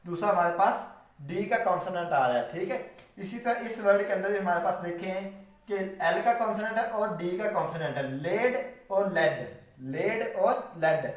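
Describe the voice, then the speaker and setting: A man teaches shorthand in a patient, repetitive classroom manner, often stopping to check that students follow and spelling words out slowly. His voice sits fairly high for a man. He sounds set back from the mic in a strongly echoing room. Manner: patient, repetitive explaining, frequent "theek hai" checks. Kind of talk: classroom lecture. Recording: very echoey room, voice from a distance.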